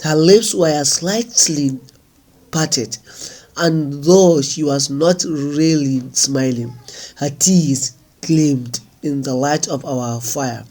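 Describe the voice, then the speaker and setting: A man reading a folk tale aloud in a measured, unhurried storytelling manner. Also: a little high, a little mellow. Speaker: narrator.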